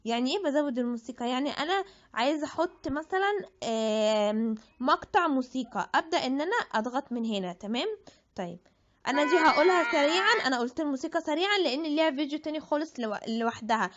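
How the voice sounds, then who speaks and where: A woman's voice: sits high, lively intonation, fast. A woman with an Egyptian Arabic accent giving a chatty app tutorial, thinking aloud and restarting her words. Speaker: tutorial presenter. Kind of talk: screen-recorded app tutorial. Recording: dull lo-fi audio.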